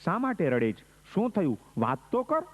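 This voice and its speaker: A man playing a calm, kindly older male monk leader who speaks gently and soothingly, in a sermon story. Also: high voice, normal speed, long reverb tail, lo-fi sound. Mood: gentle.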